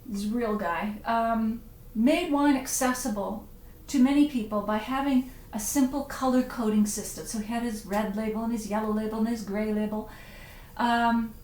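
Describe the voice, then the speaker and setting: A woman's voice: a little high, a little mellow, slight background noise. A middle-aged woman hosting a casual live-stream wine tasting, chatty and punning, reading viewer comments aloud. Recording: echoey room, faint ambience.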